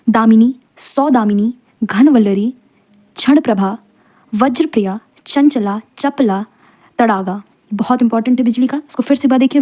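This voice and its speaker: A woman runs through long lists of words for exam revision, a bit high in pitch with a dark, mellow tone. She reads each word in a steady rhythm and breaks in now and then with a quick aside to point out a trap. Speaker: teacher. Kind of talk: exam-prep lesson reading out word lists.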